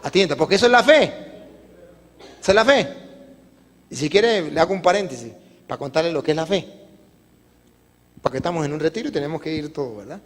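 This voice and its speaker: A man's voice: a little high, fairly quick, pauses often. Guy doing a church retreat talk, acts out all the voices, big echoey hall. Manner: animated storytelling, acting out voices. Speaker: catechist. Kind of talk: parish catechesis talk. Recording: reverberant hall.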